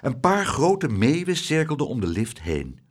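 A man narrating a children's storybook in an expressive, dramatic way. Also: mid-range voice, unhurried.

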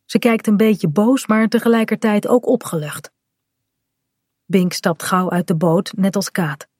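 A woman's voice: mid-range voice, steady tone, unhurried, a little mellow, dry recording, clean studio sound. Woman reading a children's story. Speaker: narrator.

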